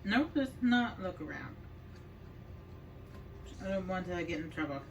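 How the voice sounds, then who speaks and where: A woman's voice: on the low side, big pitch swings, measured pace, gravelly, far from the mic. A woman giving casual, rambling gameplay commentary as host of a video game walkthrough. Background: video game music.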